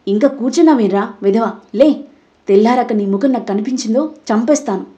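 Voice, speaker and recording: A woman's voice: a little high, a little fast, muffled recording, lightly acted. A woman voicing a stern, scolding father in a Telugu audio story. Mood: furious. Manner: scolding, loud and angry. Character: furious stern father of the household.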